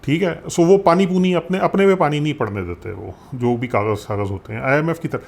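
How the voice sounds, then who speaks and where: A man with a Pakistani Urdu accent explaining economics in a conversational way, animated and sprinkling in English phrases. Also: a little high, fairly quick, vocal fry. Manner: animated, mixes English phrases, frequent fillers. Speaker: economics commentator.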